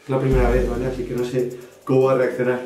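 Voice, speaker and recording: In his home bathroom, a young vlogger talks casually while coaxing and calming a pet, now and then breaking into sudden pleading outbursts. His medium-pitched, mellow voice is fast and completely flat. He's away from the mic, so the room echoes, and there's music and slight noise in the background.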